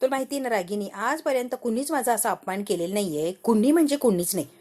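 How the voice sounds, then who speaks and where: A woman's voice: on the high side, expressive, fast, a little mellow. A woman voicing a proud, wealthy middle-aged woman who rants bitterly after being humiliated and swears revenge. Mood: bitter, vengeful. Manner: ranting, self-pitying, bitter.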